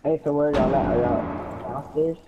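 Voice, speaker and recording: A man's voice: on the high side, steady tone, moderate pace, warm tone, lo-fi sound. A man chatting casually during a multiplayer game, swearing, griping and teasing crudely. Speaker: gamer in a multiplayer match. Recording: noisy game voice chat, clicks.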